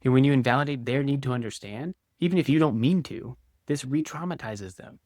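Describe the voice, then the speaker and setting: Calm man teaching couples advice, dry sound. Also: medium pitch, brisk, no room sound. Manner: calm, instructive, acts out example replies. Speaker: couples counselor. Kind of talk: direct-to-camera teaching video.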